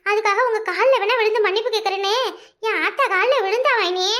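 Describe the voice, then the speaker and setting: A woman's voice: very high voice, fast, a bit bright. A woman voicing a sly, gossiping young sister-in-law in a cartoon, with a Kanyakumari Tamil accent and a wheedling manner.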